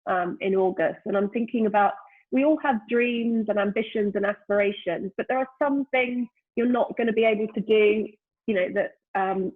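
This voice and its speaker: A woman in her fifties, a brand founder appearing as a guest, speaks at normal speed with a medium-pitched voice over a tinny, phone-like remote call made during lockdown. The conversation is casual and reflective, and she is thoughtful, searching for words with plenty of "you know"s.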